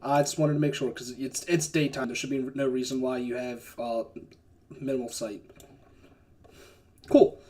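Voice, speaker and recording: A woman's voice: a bass voice, steady tone, normal speed, long pauses, dark tone. A woman running a tabletop game as game master, narrating casually, swearing and laughing often.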